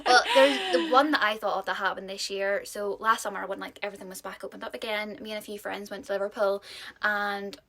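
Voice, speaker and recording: A young woman, co-hosting a casual podcast and telling animated stories. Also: medium pitch, brisk, few pauses. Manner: animated storyteller, mimics voices, laughs a lot. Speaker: podcast co-host. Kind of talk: casual chat.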